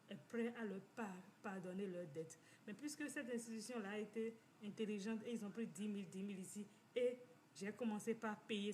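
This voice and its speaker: A woman living in the United States, a community finance speaker, gives a personal testimony in a middle-pitched, darkish voice. Her delivery is repetitive and halting, with frequent stops, restarts and repeated phrases, while a faint hiss of noise runs behind her.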